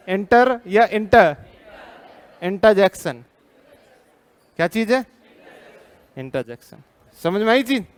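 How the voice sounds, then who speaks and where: An Indian man teaching a live class, drilling students with repeated questions, firm and teasing. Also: high voice.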